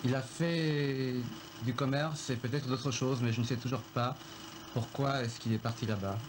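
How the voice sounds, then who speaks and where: A man recalling his family's story in a film interview, reflective and halting, with many pauses. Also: medium pitch, steady tone, background noise. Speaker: filmmaker recounting his family.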